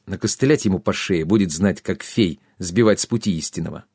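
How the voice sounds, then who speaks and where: A man reading a fantasy novel aloud as an expressive audiobook narrator. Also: low-pitched, fairly quick, husky, no echo, studio quality. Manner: expressive, acts out all characters.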